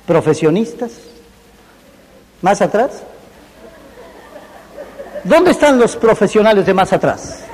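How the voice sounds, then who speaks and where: High-voiced joking man in a hall. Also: very animated, slow, long pauses, darkish tone. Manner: joking and playful, addresses the audience directly. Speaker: seminar speaker. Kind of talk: humorous business seminar talk. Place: large hall with a live audience. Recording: reverberant hall, faint noise.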